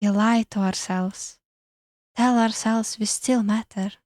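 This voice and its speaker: A woman voicing a gloomy, melancholy female vampire ghost from a dating game, speaking in a slow, airy, eerie way. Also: a little high, steady tone, a little mellow, dry recording, clean studio sound. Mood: mournful. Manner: slow, solemn, philosophical. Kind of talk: reading a game character aloud.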